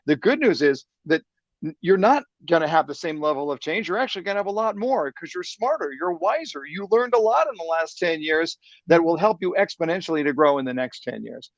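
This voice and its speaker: A man's voice: fairly high pitch, lively intonation, a little fast, dry recording, dull audio. A man in his sixties, a sales trainer speaking as a guest, enthusiastic and motivational, often repeating words as he starts a thought. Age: 60s. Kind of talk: upbeat interview talk.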